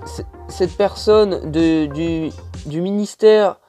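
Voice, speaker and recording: A man's voice: fairly high pitch, slow pace, warm tone, faint music behind. A man with a French accent casually reviewing a toy set, hesitant with many fillers and lots of detail.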